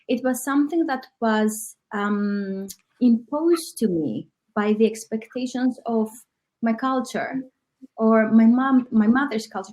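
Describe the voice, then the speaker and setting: A woman from Greece, a coach who speaks as guest in an online workshop, reflective and often pausing with um. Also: fairly high pitch, dark tone. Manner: reflective, with frequent ums.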